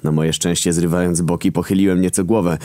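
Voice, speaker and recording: Deep-voiced deadpan male narrator. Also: brisk, no room sound, clean studio sound. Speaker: story narrator. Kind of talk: scripted dark-comedy narration.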